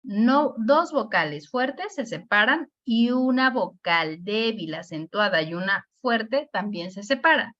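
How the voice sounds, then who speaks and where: A woman's voice: mid-range voice, lively intonation, fairly bright tone. Mexican woman teaching a spelling lesson. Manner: explanatory, repeats words slowly to show stress. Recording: dull lo-fi recording.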